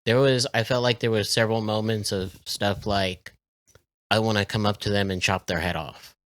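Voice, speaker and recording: A man reflects on his tabletop group, pausing and correcting himself as he goes. His voice is on the low side, and it is recorded close and dry. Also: steady tone, a bit bright, dry recording. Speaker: tabletop game player. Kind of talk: casual podcast chat.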